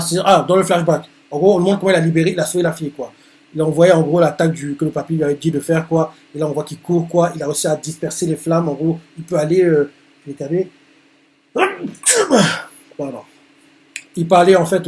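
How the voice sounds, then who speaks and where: A man's voice: fairly high pitch, steady tone, a little fast, darkish tone. A man reacting live to a manga chapter, narrating the panels with many hesitant fillers.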